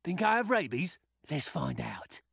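A man playing a cocky, foul-mouthed raccoon space soldier in a video game, a gravelly voice and brash, sarcastic taunts. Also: on the high side, very animated, measured pace, a bit bright, no room sound, clean studio sound, exaggerated voice. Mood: cocky taunting.

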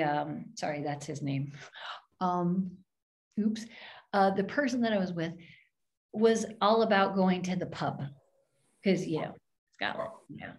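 A woman minister telling a story in an open forum, acting out the voices of the people in it. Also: mid-range voice. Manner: animated, acts out the voices in her story.

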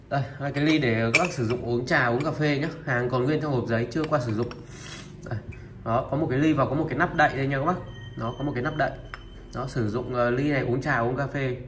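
A man of middle pitch presents second-hand Japanese wares one after another and opens almost every sentence with the same pointing word. He speaks to his viewers familiarly and pauses with filler sounds as he goes. Dishes and cutlery clink in the noisy background. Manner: steady, repetitive, opens nearly every line with a pointing word. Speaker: seller of used Japanese goods. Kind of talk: product showcase sales talk.

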